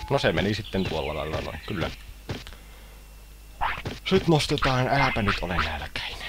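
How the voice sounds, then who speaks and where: A man's voice: low-pitched, vocal fry, very noisy. A Finnish man playing a video game and commenting playfully, often voicing the creatures in a silly way. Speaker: let's player. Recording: loud game music behind.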